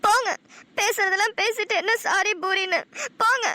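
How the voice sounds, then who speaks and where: A woman's voice: very high-pitched, fairly even intonation, normal speed, bright, forceful tone. A woman voicing a proud, touchy young wife in a cartoon, pouting and answering back through tears. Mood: defiant. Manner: pouting, tearful retorts. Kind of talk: Tamil cartoon dialogue.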